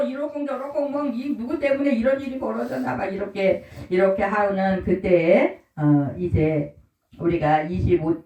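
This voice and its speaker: A woman's voice: medium pitch, a little mellow. A woman preaching a sermon at a church service, in a homely way, quizzing the congregation. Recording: roomy echo, mic from far off.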